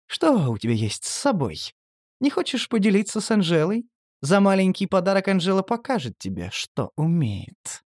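Man putting on a purring creature woman, seductive, predatory, raised pitch. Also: very animated, normal speed, a little mellow, dry recording, studio quality. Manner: purring, then snarling.

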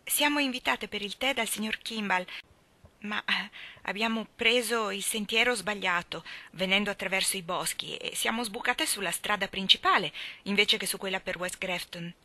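A woman's voice: medium pitch, moderate pace, sharp tone, dry recording, lightly acted. A woman reading an audiobook, voicing a practical young girl who asks things politely and plainly. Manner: polite, matter-of-fact asking.

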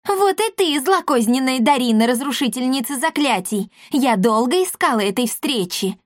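A woman playing a fierce high-pitched young witch girl. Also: lively intonation, normal speed, no room sound, studio quality. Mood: accusing. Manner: theatrical, accusing, self-satisfied.

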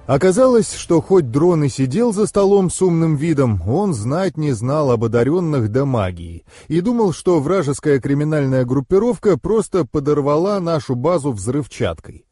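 A man reads a fantasy audiobook in the first person, telling the story expressively. His pitch moves in a lively way and his tone is mellow and warm. The recording is close and dry. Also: moderate pace, hardly any pauses, husky, dry recording. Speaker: audiobook narrator. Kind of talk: scripted narration.

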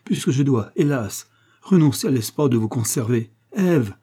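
A man's voice: medium pitch, expressive, normal speed, mellow, breathy edge, pitched above the performer's own voice. A man reading aloud who voices a passionate young duke, pleading fervently with his beloved. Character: impassioned, impatient young duke, a repentant lover.

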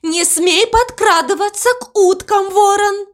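A kindly mother cow who wonders about everything, her voice lifted high above the narrator's own, as a woman puts her on. She speaks slowly and warmly, with lots of lilt in every line. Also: sing-song, exaggerated voice. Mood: alarmed. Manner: wondering, soft-hearted. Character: gentle curious mother cow.

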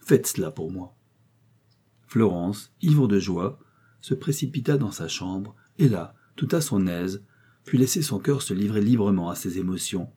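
A man narrating a nineteenth-century novel as an audiobook reader, in a measured literary way with dramatic swells. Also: lowish voice, lively intonation, dark tone, slightly rough.

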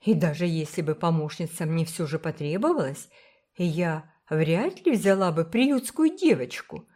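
A woman voicing a brisk, kindly older village woman who speaks firmly and emphatically. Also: sits low, lively intonation, dark tone. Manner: firm, emphatic, motherly.

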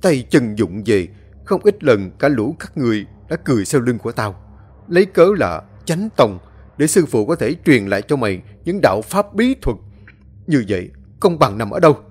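A man's voice: mid-range voice, sing-song, quick pace, a little mellow, breathy edge. A man voicing a bitter, hot-tempered young male sect disciple who speaks in a harsh, accusing, raised voice. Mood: resentful.

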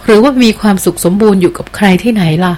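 A daring young heroine who teases and insists, pushing hard for the truth, as a woman reads her part. The voice sits at an ordinary middle pitch, plainly read from a storybook. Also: quick pace, a little mellow, lightly acted. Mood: insistent. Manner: teasing and insistent. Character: bold, playful young woman demanding answers. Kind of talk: audiobook character reading.

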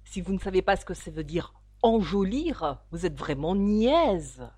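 A woman voicing a gruff, impatient griffin in a storybook reading, curt and scornful, her pitch swinging widely. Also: sing-song, measured pace, warm tone, dry recording. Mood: scolding. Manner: scolding, curt.

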